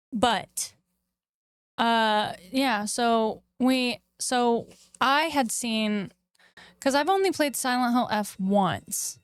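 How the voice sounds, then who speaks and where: A woman's voice: fairly high pitch, extremely slow, long pauses, smooth, no room sound, clean studio sound. A woman streamer in casual chat after a game, talking in a chatty way with many fillers. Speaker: streamer host.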